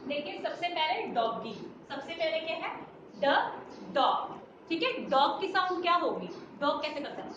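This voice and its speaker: A woman's voice: extremely high pitch, animated, normal speed. A woman, teaching a nursery class in a sing-song way, mixing Hindi and English and asking the children questions. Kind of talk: children's lesson. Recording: roomy, distant, dull, noisy.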